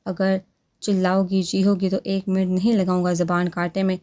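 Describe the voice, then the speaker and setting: A woman's voice: lowish voice, completely flat delivery, normal speed, mellow, natural voice. Woman reader as a menacing young policeman husband, mocking and bossy, audiobook. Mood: threatening. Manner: threatening, mocking, commanding.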